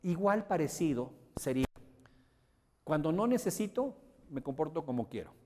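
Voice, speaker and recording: A man leading a motivational seminar, emphatic and often asking his audience whether he is being clear. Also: on the high side, big pitch swings, moderate pace, noisy background. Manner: emphatic, checks understanding with rhetorical questions. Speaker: motivational course instructor. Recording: long hall reverb.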